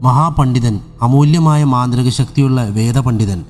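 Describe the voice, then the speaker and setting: A man voicing a stern servant of a sorcerer, speaking gravely and reproachfully, lower than his narration. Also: a little slow, a little mellow, long reverb tail, slight background noise, lightly acted.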